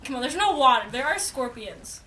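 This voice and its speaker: A woman guest in a casual podcast chat, excitable and jumpy. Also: sits high, fairly quick, a little hiss or hum. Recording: music playing behind.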